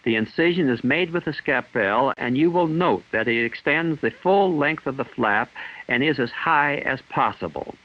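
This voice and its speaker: In the style of a 1960s training film, a man reads scripted instructional narration in a formal, measured, clinical way. His voice is mid-range and animated, and the film soundtrack sounds dull.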